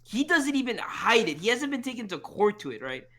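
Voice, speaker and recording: A podcast co-host rambling in casual chat, profane, with many fillers and restarts. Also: male voice, extremely high pitch, very animated, a little fast, bright, forceful tone.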